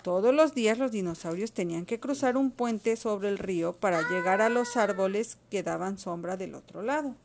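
A woman's voice: mid-range voice, normal speed, hardly any pauses, slight background noise. Woman reading a storybook aloud expressively.

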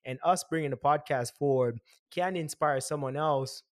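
A man's voice: a little high, normal speed, no echo. Rambling male podcast host, dry close sound. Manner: loose, rambling, repeats phrases for emphasis. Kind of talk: casual chat.

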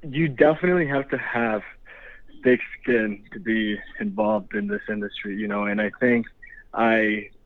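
A man's voice: mid-range voice, lively intonation, normal speed, no room sound. A young man from the Dominican Republic, a guest actor chatting casually, laid-back and laughing often. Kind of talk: casual interview. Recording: tinny phone line.

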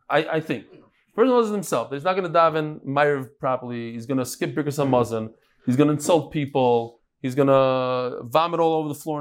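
Male Talmud teacher, higher-pitched. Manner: conversational, switches between English and Hebrew-Aramaic terms. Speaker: religious teacher leading a Talmud class. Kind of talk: informal Talmud lesson, reading and explaining.

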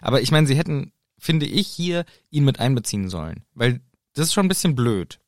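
A man's voice: mid-range voice, a little fast, no echo, studio quality. A man co-hosting a podcast, retelling a book chapter in casual, jokey chat. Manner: animated, jokey. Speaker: podcast co-host.

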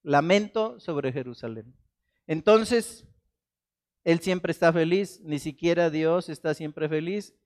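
A man from Mexico, a pastor preaching a sermon in church, swinging between loud emphasis and soft, hushed quotations. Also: on the high side, takes it slowly. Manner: dramatic, shifts between loud emphasis and soft quoted asides.

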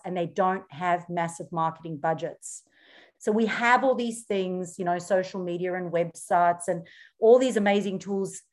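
A middle-aged woman with a South African accent softened by years in Australia, speaking a little low. She explains things earnestly as a podcast guest, stopping now and then on small ums. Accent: South African mixed with Australian. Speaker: podcast guest, social media coach. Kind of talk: interview answers.

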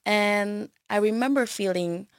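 A woman, a yoga teacher chatting as a podcast guest, friendly and quick to laugh, with many fillers. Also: mid-range voice, dry recording, studio quality. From Belgium. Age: 30s. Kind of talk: casual interview chat.

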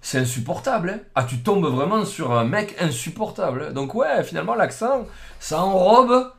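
A streamer with a Southern French accent, joking in slangy, crude talk during a football chat. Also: male voice, high voice, sing-song, moderate pace, creaky, fairly bright tone. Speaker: streamer, co-host. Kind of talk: casual football banter.

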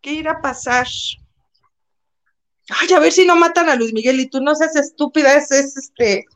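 A woman's voice: high-pitched, normal speed. A Mexican woman co-hosting a live watch-along, joking and chatty with lots of slang. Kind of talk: casual live chat.

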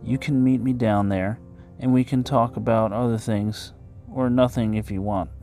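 A man's voice: medium pitch, fairly even intonation, moderate pace, mellow, pitched above the performer's own voice, close to an everyday voice. A man voicing a young female nurse who speaks bluntly and frankly, with a dry edge, over faint background music. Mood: matter-of-fact.

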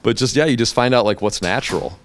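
A man's voice: mid-range voice, fast talker. A middle-aged man talking casually as a podcast guest, blunt and joking, swearing now and then. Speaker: guest, hair educator.

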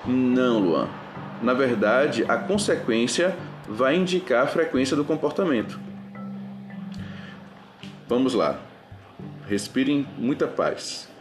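A man's voice: mid-range voice, sing-song, slow pace, long pauses, echoey room, music in the background. A man teaching an online lecture in a patient, reassuring manner and answering students' questions.

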